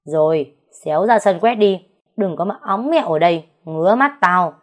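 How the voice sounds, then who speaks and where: A woman's voice: on the low side, measured pace. A woman voicing a harsh, spiteful young first wife who scolds and snaps at the household. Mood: scornful. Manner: snapping, scolding.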